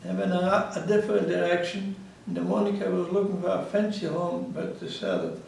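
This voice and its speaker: A man's voice: high-pitched, animated, fairly quick, gravelly, darkish tone. A man in his eighties from Ukraine, with a Ukrainian accent, telling his life story in an interview in broken English and acting out the dialogue. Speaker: interviewee, Holocaust survivor. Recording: echoey room, voice from far off.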